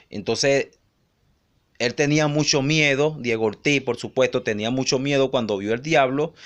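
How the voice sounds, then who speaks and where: A middle-aged man preaching in an emphatic, scolding way, dropping to low murmurs and rising to raised cries. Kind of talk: online sermon rebuttal video.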